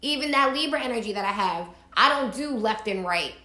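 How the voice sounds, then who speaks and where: A woman with a fairly high, expressive, bright and forceful voice vlogs about astrology from home at a brisk pace, in an echoey room. She gives her viewers emphatic, preachy spiritual advice directly, swearing casually as she goes.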